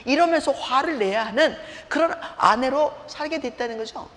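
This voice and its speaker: A woman's voice: high-pitched, normal speed. A middle-aged woman preacher giving a sermon woven with personal stories, acting out scenes as she tells them. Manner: animated storyteller, acts out scenes. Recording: reverberant hall, faint background noise.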